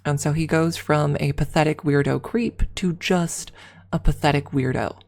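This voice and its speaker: Her voice is low-pitched with vocal fry and a darkish tone, and she talks at a normal speed in a steady manner. On her ASMR livestream she reads viewer chat and rambles, gushing about things in an over-the-top, fan-like way.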